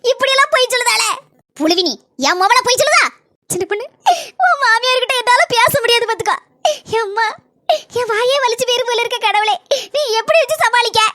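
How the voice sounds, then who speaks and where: A woman's voice: very high voice, a little fast, long pauses, sharp tone, no room sound. A woman voicing a scheming mother-in-law who pleads her innocence with a Kanyakumari Tamil accent, repeating her words insistently. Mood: pleading. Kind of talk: cartoon voice acting.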